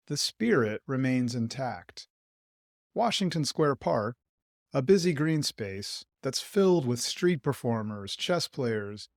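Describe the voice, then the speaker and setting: A man narrating an English lesson in a clear, measured, explanatory way. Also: medium pitch, no room sound, clean studio sound. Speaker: podcast host teaching English.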